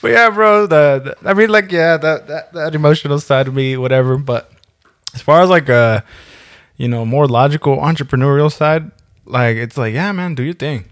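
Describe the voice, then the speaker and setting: A man's voice: a little high, moderate pace, no room sound, studio quality. A young man co-hosting a podcast in casual banter, jokey and slangy, swearing freely. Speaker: podcast co-host.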